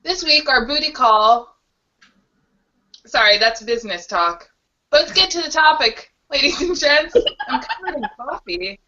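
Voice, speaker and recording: A woman's voice: sits high, animated, measured pace, long pauses, bright, forceful tone. A woman co-hosting a casual web show, joking and laughing often. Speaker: co-host. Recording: dull lo-fi webcam audio.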